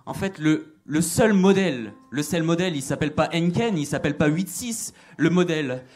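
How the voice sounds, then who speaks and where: A man's voice: fairly high pitch, expressive, moderate pace, darkish tone. A man giving an earnest religious testimony, repeating phrases and hesitating with fillers. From Italian. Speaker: testimony speaker.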